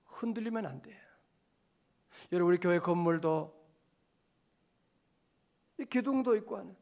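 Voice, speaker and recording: A man's voice: sits high, normal speed, vocal fry, darkish tone. A male pastor preaching a dawn prayer sermon in a church, fervent and rising to emphatic exhortations. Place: church sanctuary.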